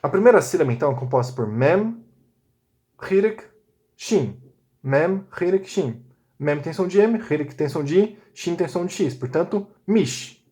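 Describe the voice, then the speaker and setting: A man's voice: a little high, expressive, moderate pace, dark tone. A man teaching a recorded language lesson. He explains step by step and often checks in with short tag questions. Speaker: Biblical Hebrew teacher.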